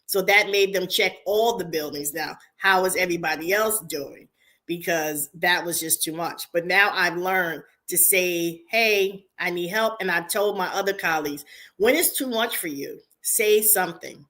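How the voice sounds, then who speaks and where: A middle-aged woman speech therapist, a podcast guest, giving earnest, measured advice in casual conversation. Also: fairly low pitch, sharp tone.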